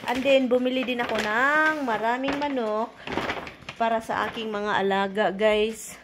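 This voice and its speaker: A chatty woman from the Philippines, talking casually to her vlog viewers and calling them "guys" again and again. Her voice sits a little high. The recording has a clear hiss of noise behind her. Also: measured pace. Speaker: vlogger.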